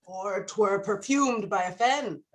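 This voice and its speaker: A woman's voice: mid-range voice, slow, lightly acted. A woman playing a flippant, witty, scheming noble in a Shakespearean drama, tossing out mocking quips. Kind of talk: Shakespearean stage drama performance.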